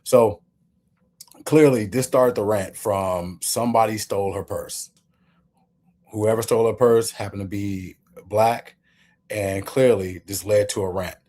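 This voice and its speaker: A man's voice: lowish voice, fairly even intonation, unhurried, a little mellow. A male host giving opinion commentary, emphatic and walking the listener through his points step by step.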